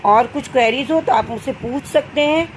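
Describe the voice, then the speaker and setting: A woman's voice: high-pitched, moderate pace, slight background noise, rough recording. A young woman teacher explaining a grammar lesson to children, asking them questions and answering them herself, calling them dear. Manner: addresses students as "beta".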